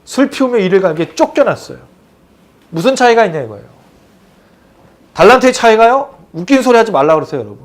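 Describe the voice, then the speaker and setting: A male pastor delivers a sermon in an animated way. His voice is high and moves widely in pitch. He keeps putting rhetorical questions to the congregation. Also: quick pace, long pauses.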